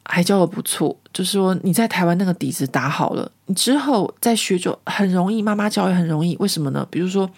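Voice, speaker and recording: A woman from Taiwan with a Taiwanese Mandarin accent, telling a casual story as a podcast host in a chatty, lively way that often breaks into laughter. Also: fairly low pitch, fast talker, few pauses, breathy edge.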